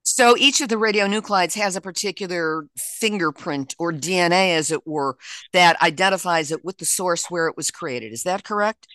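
A woman interview host asks formal, measured questions. Her voice is bright and crisply clear. The recording is close and dry, with no room sound. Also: lowish voice, dry recording.

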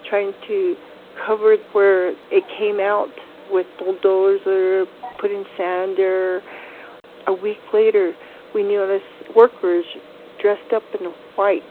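A middle-aged woman recounting a community event in a plain, matter-of-fact way. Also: medium pitch. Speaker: community member interviewed. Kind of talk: personal recollection. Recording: tinny phone-like line with faint hiss.

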